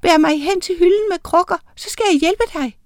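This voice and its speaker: Tiny witch girl with a very high squeak, hurried, storybook , put on by a woman narrator. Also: no room sound, clean studio sound. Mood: urgent. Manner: hurried, helpful.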